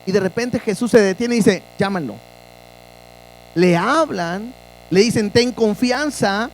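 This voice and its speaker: A man preaches a sermon in a strikingly high voice. He speaks earnestly and keeps putting direct questions to his listeners. A faint electrical hum runs underneath. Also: moderate pace, poor audio. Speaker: pastor.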